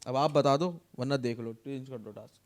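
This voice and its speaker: A young man, telling a workplace story on a podcast in a lively, laughing way, acting out the dialogue. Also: mid-range voice, moderate pace. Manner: animated, acts out dialogue, laughs often. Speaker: podcast co-host. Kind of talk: casual storytelling chat.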